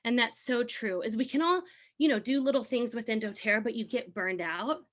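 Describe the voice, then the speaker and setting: A woman's voice: a little high, fairly quick. A woman team leader giving an earnest, encouraging motivational talk. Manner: earnest, encouraging, sometimes laughing.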